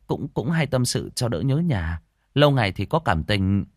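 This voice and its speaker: A man's voice: low voice, expressive, moderate pace, a little mellow, no room sound, clean studio sound. A man voicing a flustered young man who stammers and hesitates. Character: flustered young man caught between two women.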